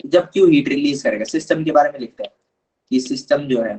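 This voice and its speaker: A man's voice: a little high, fairly quick, darkish tone, husky, poor audio. A man teaching a live online chemistry lesson, patiently explaining step by step and calling his students kids.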